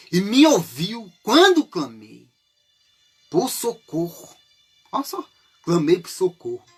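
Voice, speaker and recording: Animated husky Brazilian preacher. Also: male voice, a little high. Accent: Brazilian Portuguese. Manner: conversational, full of rhetorical questions and tag questions; acts out desperate cries for help. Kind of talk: informal sermon on a psalm.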